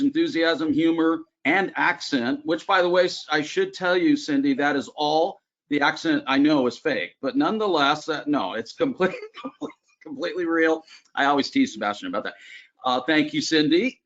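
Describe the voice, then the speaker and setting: A man hosting a travel webinar, talking in a chatty, upbeat way and filling pauses with "uh". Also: fairly high pitch, a bit bright. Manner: chatty, upbeat, many filler "uh"s. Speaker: webinar host. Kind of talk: casual webinar presentation. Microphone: video call. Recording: dull lo-fi online call audio.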